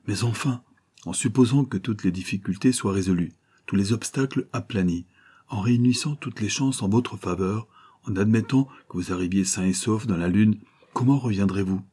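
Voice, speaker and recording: A hostile, hot-headed stranger, put on by a male narrator hammers out his objections with scorn. The voice is pushed up from a low, dark, husky base. It is a storybook reading. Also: normal speed. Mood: heated, scornful.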